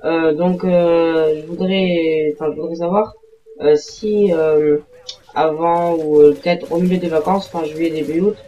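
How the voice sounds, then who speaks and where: A man's voice: on the high side, fairly even intonation, unhurried, a little hiss or hum. A man giving casual gameplay commentary as a voice-over, rambling hesitantly with many fillers and self-corrections. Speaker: gaming video maker. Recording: dull lo-fi home recording.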